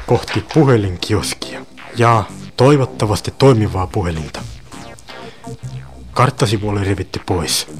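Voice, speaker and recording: A man narrating a dark short story in an even, deliberate, dry manner. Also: on the low side. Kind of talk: dramatic short story reading.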